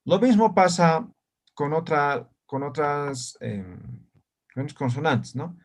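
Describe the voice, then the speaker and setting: A man's voice: fairly high pitch, animated, slow. A man teaching an online language lesson, explaining step by step and often checking understanding with short tag questions.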